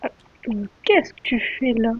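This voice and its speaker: A woman giving excitable gameplay commentary as a streamer, full of sudden exclamations. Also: a little high, unhurried, slightly rough, dry recording. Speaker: gaming streamer. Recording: dull lo-fi mic.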